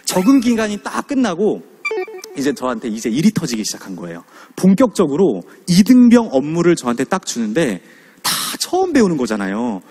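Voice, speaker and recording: Animated man telling lecture stories. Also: on the high side, a little fast, husky. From Suwon, South Korea. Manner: animated, asks the audience questions, acts out scenes. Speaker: guest lecturer. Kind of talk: motivational lecture with storytelling.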